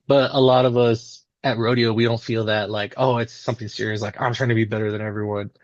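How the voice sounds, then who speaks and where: A man's voice: on the low side, level tone, fast, dry recording, muffled recording. A man chatting casually and enthusiastically in an interview, telling rambling stories and acting out little imagined quotes as he goes. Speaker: independent pro wrestler being interviewed.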